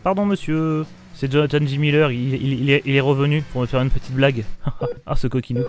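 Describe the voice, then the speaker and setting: A man's voice: mid-range voice, steady tone, a little fast, over music. A young man playing a video game and joking through it, self-mocking and silly as he narrates his own mishaps. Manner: goofy, self-mocking, jokes and silly voices. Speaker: gaming video host. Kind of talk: comedic let's play commentary.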